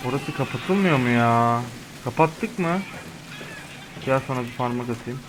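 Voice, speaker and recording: A man's voice: medium pitch, normal speed, background noise. Jumpy, swearing young man playing a game. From Turkey. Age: 20s. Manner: jumpy, swears a lot, frightened outbursts. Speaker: gaming channel host. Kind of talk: let's play commentary.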